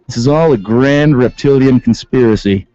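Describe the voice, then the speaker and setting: A man's voice: mid-range voice, normal speed, dark tone, no room sound. A male radio host in comedic commentary, reading rules aloud and mocking them sarcastically. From Western New York. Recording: dull lo-fi sound with faint music.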